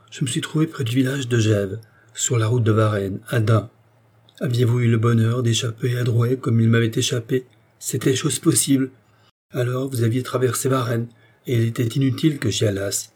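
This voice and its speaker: Brooding aristocratic officer, read by a man, steady and mellow. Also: mid-range voice, normal speed, breathy edge, close to an everyday voice. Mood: melancholy. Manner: calm, firm and melancholy. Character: grave, brooding nobleman officer, male, middle-aged.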